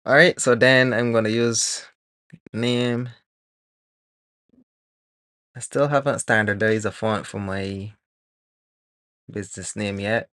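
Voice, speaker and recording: A man from Barbados, streaming live as a 3D artist, chatting casually and thinking aloud with many pauses and fillers while he works. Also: fairly low pitch, no room sound, studio quality. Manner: relaxed, rambling, thinks aloud with many ums.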